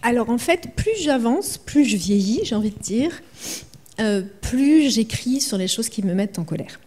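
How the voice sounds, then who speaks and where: Woman writer reading her book out loud, dramatic, a bit high voice. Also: animated, normal speed, breathy edge. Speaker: author. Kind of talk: reading her novel aloud, then discussing. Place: library event.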